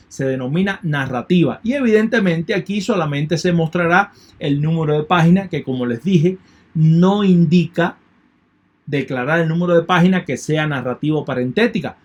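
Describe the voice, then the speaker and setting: Methodical male lecturer, fairly high voice. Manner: methodical, repeats key points, thanks students. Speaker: university lecturer. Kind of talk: online lecture.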